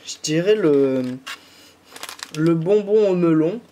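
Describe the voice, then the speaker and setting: Slow and dark in tone yet fairly high-pitched, this young Frenchman's voice carries a slight head cold over faint background noise. He's a YouTuber patiently talking viewers through each step of a candy kit, with plenty of fillers.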